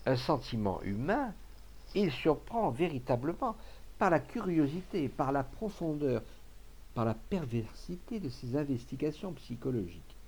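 A man narrating classic literary short stories as an audiobook reader, in a measured, expressive reading. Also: medium pitch, husky.

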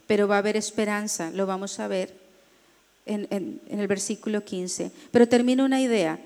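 A woman pastor, teaching a Bible class in a deliberate, emphatic way, pausing often and spelling out names. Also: mid-range voice, fairly even intonation, a little mellow. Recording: long hall reverb.

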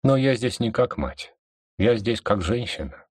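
A man's voice: fairly low pitch, animated, measured pace, slightly rough, no echo, studio quality, pitched above the performer's own voice. A man reading an audiobook and voicing a tired older queen mother who speaks in a confiding way. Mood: weary confiding. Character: weary older queen mother, calm and bitter.

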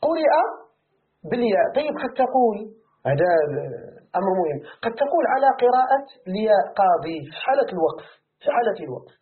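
Moroccan man, tafsir teacher, high lively voice, fast talk, tinny phone-like sound. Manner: animated, rhetorical questions to students. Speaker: Quran commentary teacher. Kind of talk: classroom tafsir lesson.

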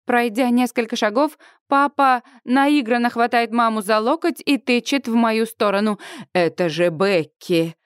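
A woman narrating a first-person audiobook in a lively, expressive way. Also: fairly high pitch, moderate pace, few pauses, smooth, no room sound.

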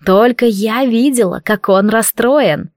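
In this audiobook, a spiteful young maid hisses her words through her teeth, mocking and venomous, as a woman narrator puts her on. Her voice sits a little higher and louder than the narrator's own. The reading is close and dry. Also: slow, dry recording. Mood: gloating. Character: spiteful jealous young maid, sharp-tongued and hissing.

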